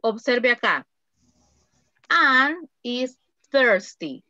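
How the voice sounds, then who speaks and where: Woman teaching english slowly, kinda muffled dull sound. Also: fairly high pitch, big pitch swings, over a noisy crowd. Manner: slow, careful, repeats phrases for students. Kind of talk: online class explaining grammar.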